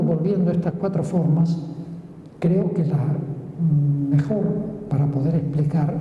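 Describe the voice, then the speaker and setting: A woman's voice: low-pitched, a little hiss or hum. A woman giving a public lecture on place names, explaining step by step and checking in with the audience as she goes. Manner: explanatory, frequent checking tags. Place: lecture hall. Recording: roomy hall echo, dull lo-fi sound.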